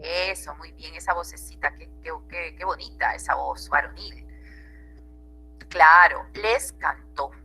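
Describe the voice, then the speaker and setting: A woman's voice: sits low, unhurried, sharp tone, breathy edge, soft background music, poor audio. A woman teacher with a Peruvian Spanish accent, giving an online grammar class and checking in with her students often.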